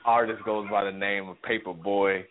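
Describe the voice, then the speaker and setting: A man's voice: lowish voice, level tone, moderate pace. A man co-hosting a podcast in casual chat, laid-back, often stammering on his words. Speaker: podcast co-host. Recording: tinny phone-like line with faint noise.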